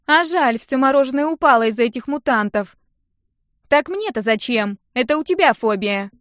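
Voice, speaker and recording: A brash, sharp-tongued young woman, voiced by a woman reading an audiobook, loud and mocking. Her voice sits high above the reader's own. The recording is dry and close. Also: expressive, normal speed, dry recording.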